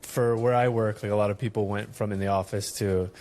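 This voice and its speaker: A man's voice: lowish voice, fairly even intonation, a little fast, a little mellow. A man co-hosts a casual podcast chat. He asks curious questions that ramble and double back before he gets to the point. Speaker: podcast co-host.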